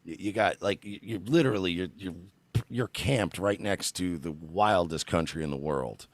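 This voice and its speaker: A man's voice: low voice, moderate pace, dry recording. A man co-hosting a podcast, talking in crude, mocking banter and laughing often. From United States. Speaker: podcast co-host. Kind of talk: casual banter.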